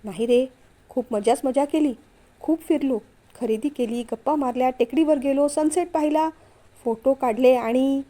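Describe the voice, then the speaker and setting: A man's voice: extremely high pitch, moderate pace, dark tone. A woman voicing an affectionate, playful young husband who teases and coaxes his wife, read aloud as a story. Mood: relaxed. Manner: teasing, coaxing.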